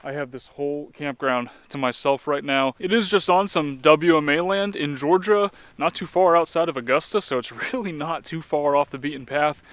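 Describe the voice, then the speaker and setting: An American man talking casually to viewers as a travel vlogger, in an easygoing, unhurried way. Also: on the high side, a bit bright, no echo. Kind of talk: casual vlog narration.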